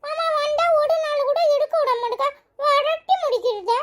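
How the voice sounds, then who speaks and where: A woman voicing a chatty, teasing little village boy in a cartoon, with a squeaky, giggly voice. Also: normal speed. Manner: teasing, rambling, singsong. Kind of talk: cartoon storytelling.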